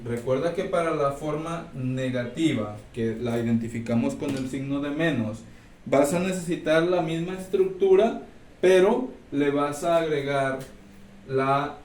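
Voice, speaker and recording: Patient teacher in a roomy classroom. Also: male voice, medium pitch, darkish tone. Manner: explains step by step, checks in with "¿sí?". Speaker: English teacher. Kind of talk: recorded class lesson. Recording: roomy, distant mic, faint background noise.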